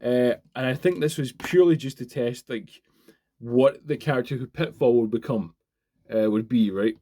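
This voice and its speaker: A man, chatting casually and excitedly while unboxing and reviewing a toy, swearing freely as he rambles. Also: medium pitch, normal speed, a little hiss or hum. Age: 20s. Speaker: toy reviewer, channel host.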